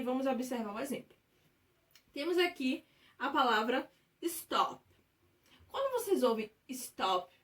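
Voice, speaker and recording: High-voiced woman teaching grammar step by step. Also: recorded from a distance. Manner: patient, step-by-step explaining with frequent check-ins. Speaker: English teacher. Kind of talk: recorded online grammar lesson.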